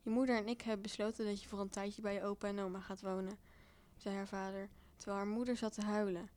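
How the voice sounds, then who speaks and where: A young woman reading a homemade children's story aloud with lively expression, raising her voice in the quoted lines. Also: medium pitch, fast talker.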